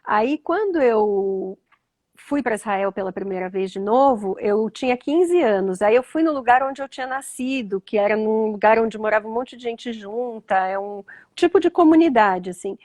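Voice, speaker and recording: A woman with a Brazilian Portuguese accent, gently questioning children in a thoughtful, conversational way and often echoing their answers. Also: a little high, expressive, moderate pace. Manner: thoughtful, repeats answers back, lots of "né?". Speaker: interviewer.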